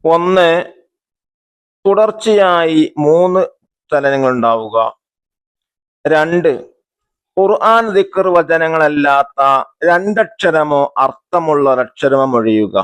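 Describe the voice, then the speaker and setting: A man's voice: a little high, expressive, takes it slowly, pauses often, a bit bright, clean tone. A man teaching a religious school lesson. He reads the textbook aloud, then explains it, asks questions and answers them himself, and glosses key terms.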